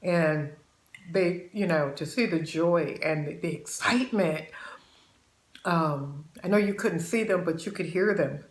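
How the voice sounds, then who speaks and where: A woman's voice: lowish voice, measured pace, roomy sound. A woman in her sixties hosting her channel, chatting while she eats and giving folksy, motherly advice to viewers she calls babies. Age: 60s. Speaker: channel host. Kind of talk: casual chat while eating.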